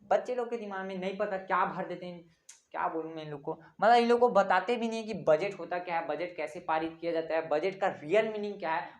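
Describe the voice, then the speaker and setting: A man's voice: sits high, fairly bright tone. A young man, a tutor laying out an exam study plan in a casual lesson. He talks bluntly and teasingly, asking rhetorical questions and repeating the answers.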